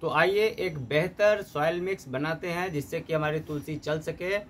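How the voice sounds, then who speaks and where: Man with a fairly high voice, explaining gardening. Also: normal speed, a little hiss or hum. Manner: steady step-by-step explaining, mixing in English terms. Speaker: gardening instructor. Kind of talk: how-to gardening demonstration.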